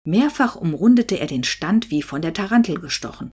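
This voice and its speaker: Woman reading an audiobook, low-ish voice, very lively tone. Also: normal speed, husky. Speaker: audiobook narrator. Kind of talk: scripted narration.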